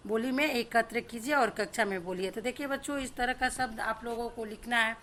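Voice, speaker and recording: Bright high-voiced woman teaching a lesson. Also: fairly quick, slight background noise. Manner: explains words step by step, mixes in English words. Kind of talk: explaining a school lesson.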